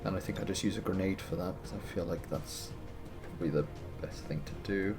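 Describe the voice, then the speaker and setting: A man giving relaxed, wry commentary on his gameplay, sounding a bit tired. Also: sits low, brisk, vocal fry. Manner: relaxed, wry, thinking aloud. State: tired, yawning. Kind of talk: casual let's-play commentary. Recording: music playing behind.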